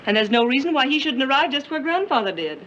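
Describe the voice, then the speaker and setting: Hissy old film comedy. well-bred young bride-to-be, bright, crisp in manner, bossy. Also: female voice, high voice, big pitch swings, fast talker. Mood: earnest. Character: proper, brisk, bossy young bride-to-be from wealthy family. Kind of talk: 1930s film comedy acting. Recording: muffled, hissy 1930s film soundtrack.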